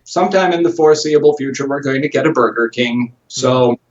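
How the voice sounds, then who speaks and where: A man's voice: medium pitch, fairly quick. American man telling stories, slightly muffled. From United States (Chicago). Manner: anecdotal, repeats words while searching. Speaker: journalist and co-host, interviewee. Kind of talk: casual interview talk.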